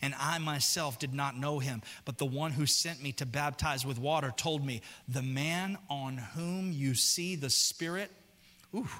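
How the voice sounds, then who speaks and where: A male pastor preaches a sermon in a church sanctuary, chatting casually with the congregation and reading scripture slowly and deliberately. As he gets worked up, his voice climbs higher and louder, and a long hall reverb carries through the recording.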